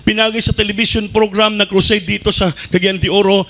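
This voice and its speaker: Male preacher, fervent delivery, shouts at the peaks and then drops low, sharp and bright tone. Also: level tone, a little fast. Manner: mixes English phrases into his preaching. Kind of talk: sermon.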